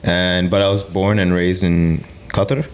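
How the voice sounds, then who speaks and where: A man in his twenties from Sri Lanka, a podcast guest chatting casually, quick and often laughing. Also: sits low, flat delivery, clean tone. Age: 20s. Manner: fast, laughs often, repeats "exactly". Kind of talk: casual interview chat.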